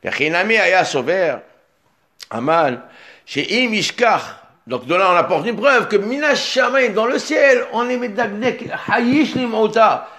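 A man teaching an animated Torah lesson, reading Hebrew sources and explaining them with emphatic bursts. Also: high-pitched, measured pace.

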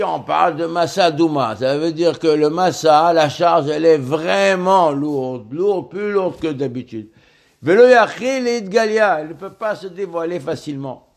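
A man teaching a religious text lesson, talking haltingly, repeating words as he explains each term. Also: on the high side.

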